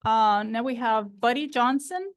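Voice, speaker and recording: A woman's voice: on the high side, expressive, unhurried. Woman chairing a meeting politely. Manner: brief, polite procedural remarks. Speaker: board president chairing the meeting.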